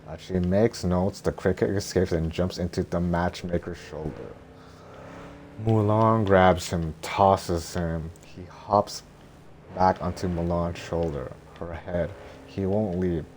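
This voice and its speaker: Low, slow, droning monotone man. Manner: boring, droning, deadpan delivery. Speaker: reader of screenplay. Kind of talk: monotone script reading. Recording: faint background noise.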